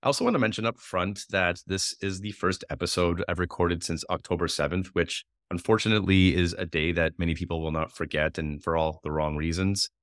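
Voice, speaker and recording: A man from Winnipeg, Canada, hosting an interview podcast with a hoarse smoker's rasp and a runny nose. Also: low-pitched, flat delivery, brisk, hardly any pauses, a bit bright, no room sound, clean studio sound. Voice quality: raspy, like a heavy smoker, from a strained throat. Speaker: podcast host.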